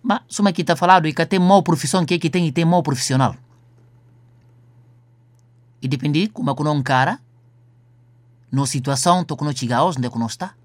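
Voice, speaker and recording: A man's voice: fairly high pitch, fairly quick, pauses often, no room sound. A man talking earnestly on the radio in a rambling way.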